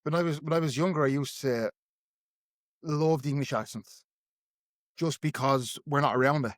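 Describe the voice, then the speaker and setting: An Irish man chatting on a podcast, relaxed and conversational. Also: fairly high pitch, moderate pace, no room sound, clean studio sound. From Ireland. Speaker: podcast co-host. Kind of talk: casual chat.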